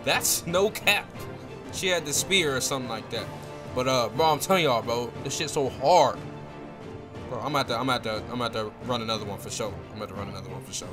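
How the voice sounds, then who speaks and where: A young man giving casual, slangy commentary over his own gameplay, excitable, with hype reactions and playful trash talk. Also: mid-range voice, brisk, music in the background. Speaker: gaming video creator.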